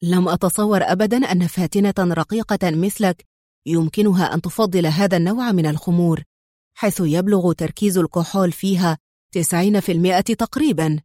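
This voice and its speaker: A woman doing a sly male kingpin from a storybook read aloud, wry and guarded, in a voice sitting a little below her own. His talk stays even and dry, with no room around it. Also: lowish voice, brisk, no room sound, natural voice. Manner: ironic, guarded, turns sharp. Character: smooth, sly male businessman, a city kingpin.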